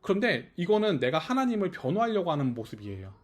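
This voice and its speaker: A male pastor with a slightly raised voice that swings widely up and down as he preaches. He talks in a loose back-and-forth with a small house-church gathering, often pausing to ask whether they follow. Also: high voice, sing-song. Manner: keeps checking with listeners, asking if they follow. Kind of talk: conversational sermon.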